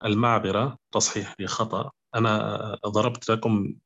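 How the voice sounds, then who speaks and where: A man with a fairly low voice gives a patient grammar lesson. He talks slowly, repeats each example and keeps checking that his students follow. The recording is a little dull and lo-fi. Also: level tone, fairly bright tone. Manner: slow, repetitive, asks "clear?" often. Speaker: Arabic grammar teacher.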